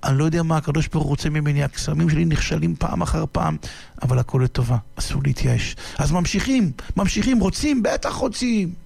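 A man voicing a clumsy, cheerful male stage magician who keeps getting flustered, with a gravelly voice. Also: fairly high pitch, darkish tone, no room sound, heavily acted. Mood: upbeat. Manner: flustered, fussy exclamations.

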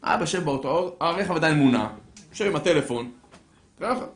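A man telling a story to an audience in an animated way, building suspense and acting out the characters, in an echoey room. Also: fairly high pitch. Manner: lively, acts out voices, builds suspense.

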